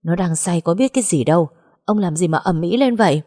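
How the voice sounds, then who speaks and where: A woman's voice: on the low side, animated, fairly quick. A woman voicing a worried, protective middle-aged mother in an audio story. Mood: defiant. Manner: pleading, sharp-tongued.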